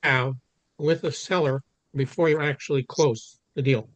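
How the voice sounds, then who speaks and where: A man asking a question on a video call, halting and restarting, his voice cutting in and out from a faulty microphone. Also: mid-range voice, steady tone, dry recording. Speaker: meeting participant asking a question. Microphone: computer microphone on a video call.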